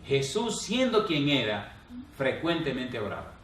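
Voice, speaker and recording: A man's voice: medium pitch, very animated, a little slow, roomy sound, far from the mic, a little hiss or hum, low-quality recording. A man preaching a sermon as pastor, questioning the congregation and answering himself. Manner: call-and-response questions, drops to a hushed voice in the story.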